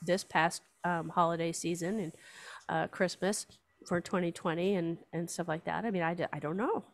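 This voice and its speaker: A woman's voice: fairly low pitch, fairly even intonation, moderate pace, a little hiss or hum. An older woman, a writer and artist, chatting casually, laughing often and reading her own poem aloud. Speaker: writer and artist, show regular. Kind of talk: casual chat and poetry reading.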